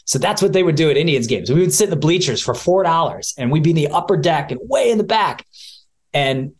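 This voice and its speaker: A man's voice: a little high, lively intonation, fairly quick. Chatty middle-aged sportscaster, a man. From Ohio, USA. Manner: chatty, warm storytelling with laughs. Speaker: sportscaster guest. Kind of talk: casual interview conversation.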